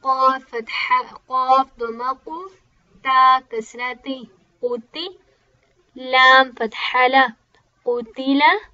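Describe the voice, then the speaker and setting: A woman's voice: sits high, steady tone, slow pace, pauses often, pushed and bright, muffled recording. A woman teaching Quran reading, spelling out each letter and vowel sign and then joining the syllables, with short explanations in simple English. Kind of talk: slow spelled-out recitation lesson.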